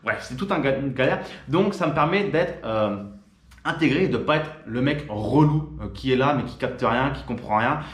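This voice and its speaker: A man's voice: mid-range voice, expressive, moderate pace, a bit bright, reverberant. A French man chatting informally to camera, with frequent fillers and restarts. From France. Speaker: YouTuber. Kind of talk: casual direct-to-camera talk.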